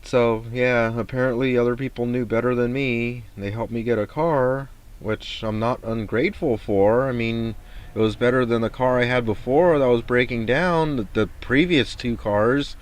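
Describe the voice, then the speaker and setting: A man's voice: mid-range voice, fairly even intonation, moderate pace. A man venting in a rambling vlog monologue, frustrated, swearing and restarting his sentences. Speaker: vlogger.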